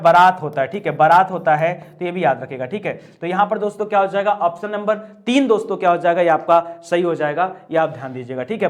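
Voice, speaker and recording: High-voiced Hindi grammar teacher drilling answers. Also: male voice. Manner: drills answers with repeated "ठीक है?" and "दोस्तों". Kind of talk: exam prep lesson.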